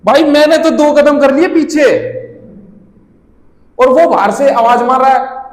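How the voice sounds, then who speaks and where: A young man doing stand-up storytelling, animated, acting out his friends' lines and swearing freely. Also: extremely high pitch, unhurried. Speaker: stand-up comedian. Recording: echoey hall with long reverb.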